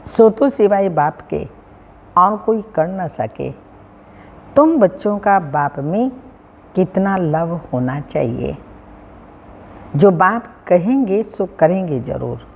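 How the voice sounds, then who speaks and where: Slow, low-voiced woman reading scripture in a hall. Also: a little mellow. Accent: Hindi, North Indian. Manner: measured, sing-song recitation with pauses, clears throat often. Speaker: spiritual teacher reading a daily discourse. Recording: long hall reverb, faint room hum.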